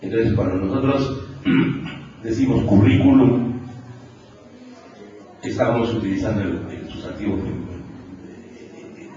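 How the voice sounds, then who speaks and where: Recorded distantly in a big, echoey lecture hall with dull lo-fi sound and a slight hiss or hum, a Peruvian-accented man lectures at a university conference. His voice is fairly low and dark; he speaks slowly, pauses often, explains step by step and frequently checks in with listeners.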